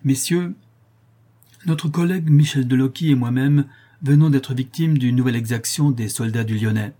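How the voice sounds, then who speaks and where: A man voicing an angry, commanding deputy mayor under forty who speaks forcefully and indignantly. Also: mid-range voice, brisk, slightly rough, voice pushed up, lightly acted. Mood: indignant, loud.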